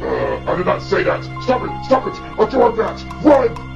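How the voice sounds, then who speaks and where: Brief: woman doing a gravelly, warped deep voice that swoops wildly, slow and theatrical, roomy off-mic sound with music behind. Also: far from the mic, exaggerated voice. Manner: slow, dramatic, shifts between growls and squeals. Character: her own voice gone deep and gravelly.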